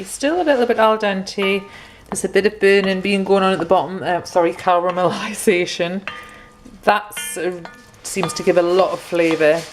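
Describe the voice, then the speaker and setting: A British woman vlogging her cooking in a chatty, homely way, correcting herself as she goes. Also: medium pitch. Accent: British English. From Britain. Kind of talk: casual cooking vlog.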